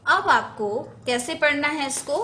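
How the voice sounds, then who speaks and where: A woman teaches a school math lesson in a slow, deliberate way, stopping to correct herself as she goes. Her voice sits a little high. A faint hiss of noise runs under the recording. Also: pushed and bright. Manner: slow, step-by-step, self-correcting, mixes English number words.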